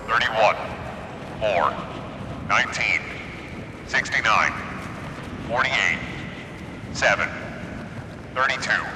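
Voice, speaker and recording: Guy doing a spooky numbers station monotone, super slow, big long reverb like a hall. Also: on the low side, noisy background, heavily acted. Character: eerie male numbers-station announcer reading codes.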